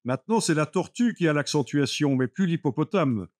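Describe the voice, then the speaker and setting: A man's voice: a little high, animated, a little fast, a little mellow, dry recording. A man teaching a live Photoshop class, explaining steps patiently with many fillers like "euh" and "voilà". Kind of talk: live classroom software lesson.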